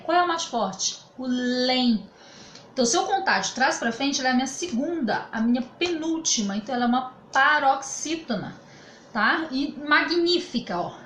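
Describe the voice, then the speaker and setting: A Brazilian woman with a fairly high voice teaches grammar from home, patient and explanatory, often pausing to check that her students follow. Her voice bounces around a roomy space, with a faint hum of ambient noise behind her. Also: expressive, a bit bright. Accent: Brazilian Portuguese. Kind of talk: remote grammar lesson. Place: home room during quarantine.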